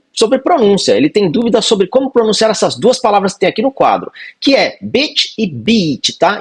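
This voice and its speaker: A man from Brazil hosting a casual video lesson, teaching English and repeating words slowly to model their pronunciation. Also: high voice, breathy edge. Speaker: English teacher, channel host.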